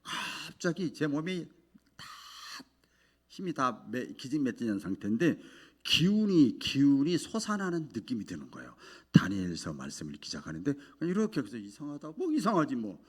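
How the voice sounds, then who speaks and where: A man preaching a sermon as a pastor, telling an emotional testimony that swings from hushed to loud. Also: mid-range voice, huge pitch swings, normal speed, husky.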